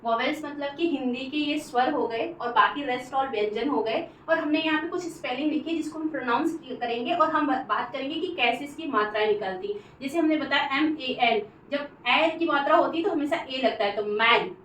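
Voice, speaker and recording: High-voiced woman teaching phonics. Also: fairly bright tone, far from the mic, a little hiss or hum. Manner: slow, drawn-out spelling of letters and words, repeating each word. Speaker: English teacher. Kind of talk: classroom-style phonics lesson. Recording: echoey room, voice off-mic.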